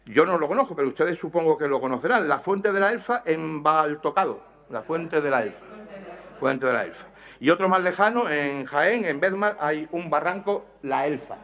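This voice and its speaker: A man's voice: fairly high pitch, expressive, moderate pace. A man giving an academic lecture to an audience, explaining carefully, correcting himself and asking rhetorical questions. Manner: explanatory, with restarts and apologetic self-corrections. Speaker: conference lecturer. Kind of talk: academic lecture on dialect words. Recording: dull, lo-fi lecture recording.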